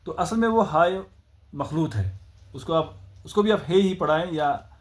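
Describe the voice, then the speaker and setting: A man's voice: fairly high pitch, lively intonation, moderate pace. A man with a Kashmiri accent teaching the Urdu alphabet, patiently sounding out each letter and explaining its pronunciation. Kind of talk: spoken alphabet lesson.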